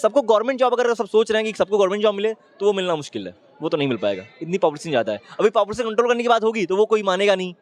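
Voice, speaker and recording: A man with a high voice makes his case in a street opinion interview. He talks fast and emphatically, piling point on point, and keeps urging the listener to look. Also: very animated. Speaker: interviewee giving public opinion.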